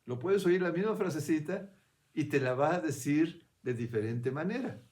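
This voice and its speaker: A man giving a reflective spiritual talk in a conversational, unhurried way. He keeps checking in with his listener and restarts his phrases as he thinks aloud. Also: a little high, expressive, a little mellow. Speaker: spiritual speaker.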